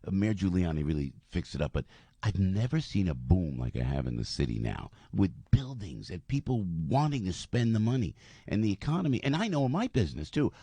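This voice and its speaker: A man's voice: lowish voice, creaky, husky, no echo. An older man hosting a casual radio chat, joking and laughing often. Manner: animated, jokey, laughs often. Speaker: radio host.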